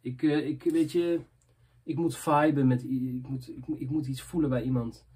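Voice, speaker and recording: Husky young man, loose rambling vlog chat. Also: mid-range voice, fairly even intonation, normal speed, mellow. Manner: loose, rambling, drops "man" and "weet je" often. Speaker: vlogger answering viewer messages. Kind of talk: casual chat.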